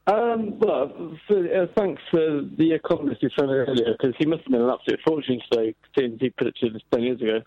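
A man's voice: mid-range voice, a little fast, hardly any pauses. A Welsh man calling in to a radio show over a crunchy phone line, full of cold and hesitant, with lots of ums and uhs. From Wales. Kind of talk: casual phone-in call.

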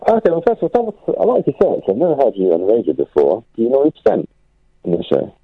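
A man's voice: mid-range voice, huge pitch swings, fast talker, breathy edge, no room sound. A man calling in to a radio show, his voice muffled as if he were talking through a tube. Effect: muffled phone line, like talking through a tube. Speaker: caller. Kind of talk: radio phone-in call. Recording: dull muffled phone line.

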